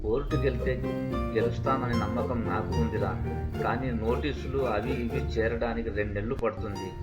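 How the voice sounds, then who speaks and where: A man's voice: medium pitch, fairly even intonation, a little fast, loud music behind the voice, natural voice. An actor playing a weary, despairing middle-aged father in debt.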